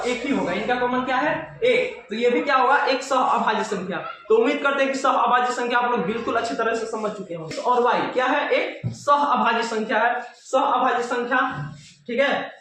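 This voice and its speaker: Young guy teaching maths, really high bright voice, keeps asking then answering himself, super echoey room. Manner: repeats key terms, asks and answers own questions. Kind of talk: classroom maths lesson. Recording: very echoey room with faint noise.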